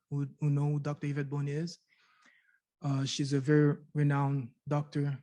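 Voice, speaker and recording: Speaking in a mid-range voice with a dark tone, a middle-aged Canadian tells his own story as a patient to a conference audience in a university room. He is earnest, repeats words, and asks rhetorical questions.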